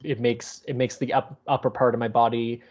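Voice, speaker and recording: A man's voice: medium pitch, level tone, a little fast, darkish tone. A man co-hosting a podcast in casual chat, rambling with many restarts and some teasing. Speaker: podcast co-host. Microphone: remote call setup.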